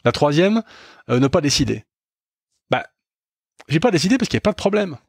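Gravelly-voiced middle-aged man telling a story. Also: on the high side, sing-song, a little fast, no room sound, clean studio sound. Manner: candid and self-critical, with frequent hesitations and restarts. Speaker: podcast host. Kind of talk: reflective storytelling monologue.

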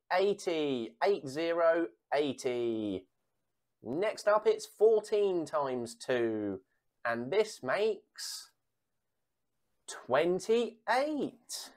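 A woman calling numbers like a bingo caller for children, reading out sums, pausing before each answer and repeating digits. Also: low-pitched, a little mellow. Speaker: bingo caller for a children's times tables game.

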